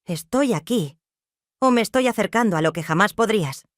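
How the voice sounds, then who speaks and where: A narrator voicing a young stepson who speaks with tense, defiant anger. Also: male voice, high voice, lively intonation, normal speed, fairly bright tone, no echo, clean studio sound, pitched above the performer's own voice.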